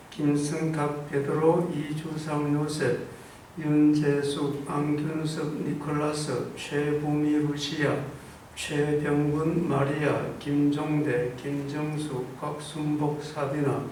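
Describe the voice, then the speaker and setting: A male priest leads Mass with formal, recited delivery. His voice sits a little high and comes from a distance, washed in strong church echo over faint noise. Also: level tone, slow, darkish tone. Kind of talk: liturgical speech and prayer. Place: large echoing church during Mass.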